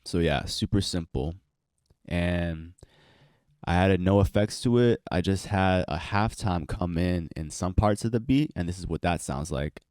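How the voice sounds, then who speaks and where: This deep-voiced young man takes his time, congested from allergies, as he casually shows how he produced a beat at home for his channel's tutorial. Some background noise can be heard.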